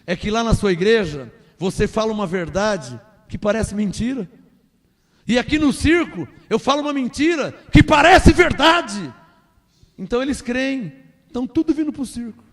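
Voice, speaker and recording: A wily circus clown with a sly, matter-of-fact way of talking, as a preacher puts him on. The voice sits very high for a man. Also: animated, normal speed, long reverb tail.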